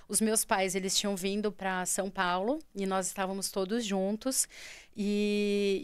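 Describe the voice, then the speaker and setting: A woman with a Brazilian Portuguese accent, a podcast guest telling a personal story in an animated way and acting out the dialogue. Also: medium pitch, clean tone, no room sound. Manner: animated, acts out quoted dialogue.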